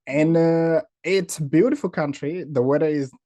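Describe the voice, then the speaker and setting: A man from Senegal, a company founder talking as a guest in a casual video-call interview, friendly and quick to laugh, with many fillers. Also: fairly high pitch, warm tone, no echo.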